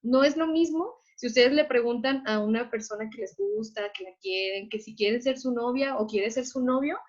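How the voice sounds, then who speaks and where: A woman's voice: fairly high pitch, normal speed. Mexican woman teaching a dull lo-fi class. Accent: Mexican Spanish. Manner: patient, repeats "¿de acuerdo?" to check understanding. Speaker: writing teacher. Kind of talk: online class lecture. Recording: dull lo-fi online class audio.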